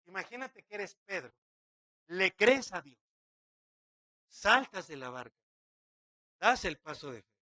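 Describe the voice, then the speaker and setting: A man's voice: sits high, pushed and bright, dry recording. A man, a pastor preaching a sermon dramatically, acting out quotes and asking many rhetorical questions.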